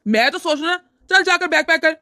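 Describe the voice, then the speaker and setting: A woman's voice: extremely high pitch, expressive, brisk, sharp tone, no room sound, clean studio sound, heavily acted. A woman voicing a stern scolding father. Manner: lecturing, reproachful. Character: stern scolding older father-in-law, man. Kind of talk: cartoon voice acting.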